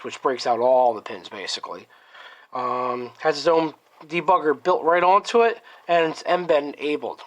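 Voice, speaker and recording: A man with a medium-pitched, fairly bright voice, a little off as he's still recovering from a cold, casually walks through his electronics project at a workbench. He's a hobbyist presenter thinking aloud, with frequent ums and self-corrections in this hands-on tech walkthrough.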